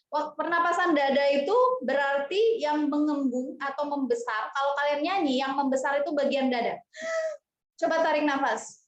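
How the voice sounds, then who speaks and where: A woman's voice: high-pitched, a bit bright. A woman music teacher giving a casual, chatty lesson and speaking directly to her students. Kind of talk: casual classroom explanation. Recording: echoey room, dull lo-fi sound.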